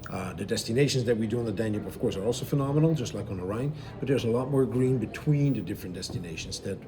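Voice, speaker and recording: A middle-aged man from Belgium, a cruise director, answering interview questions in a relaxed, explanatory way with frequent fillers. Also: fairly low pitch, quick pace, background noise. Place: aboard a river cruise ship.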